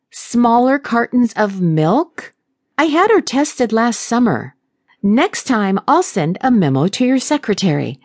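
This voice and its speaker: A biting, exasperated mother in an audiobook romance, as a woman narrator puts her on. Her pitch leaps and dips with lively energy, and the sound is close and dry with no room around it. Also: no echo, heavily acted. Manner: sharp, biting, sarcastic. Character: angry, exasperated young mother.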